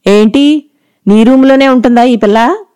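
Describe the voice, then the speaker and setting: A woman's voice: on the high side, unhurried, mellow, smooth, no echo, clean studio sound, voice pushed up, natural voice. A woman voicing a stern older woman who runs a hostel, asking curt, severe questions.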